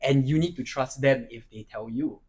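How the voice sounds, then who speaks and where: A man in his late twenties with a Singaporean English accent, a panelist in a casual group discussion who talks in a measured way and thinks aloud with hedges. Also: mid-range voice, a little mellow, slightly rough. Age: 20s.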